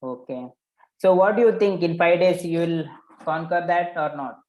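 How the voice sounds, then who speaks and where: A man's voice: fairly high pitch, moderate pace, a little mellow. A man leading a live online coaching session, probing participants and repeating their answers back to them. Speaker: workshop coach. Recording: roomy echo.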